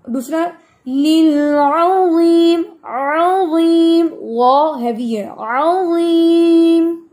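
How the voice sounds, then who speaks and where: A woman's voice: sits high, warm tone. A woman teaching Quran recitation, patiently correcting a student's pronunciation and chanting the verses melodically.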